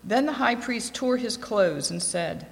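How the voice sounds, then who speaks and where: A woman reading scripture aloud in a steady, clear voice. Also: a little high, a little slow. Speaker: scripture reader. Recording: long echoing reverb.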